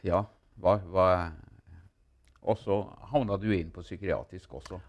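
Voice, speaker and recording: A man's voice: sits low, fairly even intonation, darkish tone. A man interviewing a guest about faith, affirming him with short responses.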